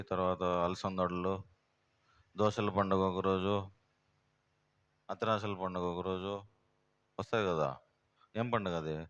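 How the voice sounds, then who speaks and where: A man's voice: lowish voice, a bit bright. Man preaching. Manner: plain, homely, fires rhetorical questions at the congregation. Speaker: pastor. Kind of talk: sermon teaching. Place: prayer house.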